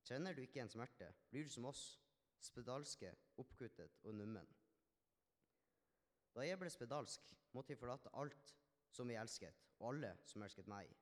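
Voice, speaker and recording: The humble, grateful Samaritan leper, played by a man, speaks in an earnest, reflective dramatic monologue. His voice sits at an ordinary pitch for a man. A long reverb from a large hall trails after every phrase. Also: lively intonation, lightly acted. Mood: somber. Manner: earnest, reflective storytelling with small restarts. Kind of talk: dramatic first-person monologue.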